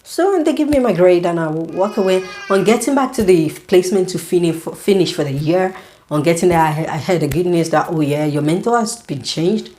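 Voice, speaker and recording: A young woman, a student nurse, telling a story in a casual vlog, animated and indignant, with lots of "you know". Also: fairly low pitch, a little fast. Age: young adult.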